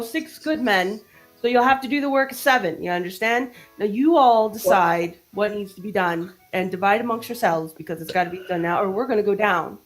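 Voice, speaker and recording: Woman voicing a tiny, shrill, bossy mouse sailor. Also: natural voice. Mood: bossy, impatient. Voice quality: tiny, sharp, piercing voice. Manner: brusque, relentless, breathless barking of orders. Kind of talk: in-character tabletop game role-play.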